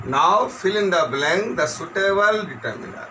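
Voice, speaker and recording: A man's voice: high voice, animated, bright, forceful tone, slight background noise, poor audio. A man teaching an English grammar lesson, asking questions and answering them himself. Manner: slow, questioning, answers his own questions.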